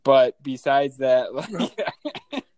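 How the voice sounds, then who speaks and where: A man's voice: medium pitch, expressive, very slow, darkish tone, no echo. Man in his thirties, laid-back host with a mid-range voice, laughs a lot, swears, acts out scenes, dry close sound. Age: 30s. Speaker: podcast host. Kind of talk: casual chat.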